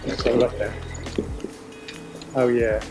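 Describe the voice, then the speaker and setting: A British vlogger chats casually and unscripted on a riverside path while testing a wireless intercom headset, with music in the background. His medium-pitched voice is flat and a little slow.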